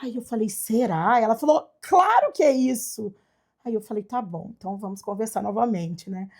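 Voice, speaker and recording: A woman from Brazil telling her adoption story in a casual chat, animated and acting out the voices of people she quotes. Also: a little high, moderate pace. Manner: animated, acts out quoted dialogue. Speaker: guest, adoptive mother.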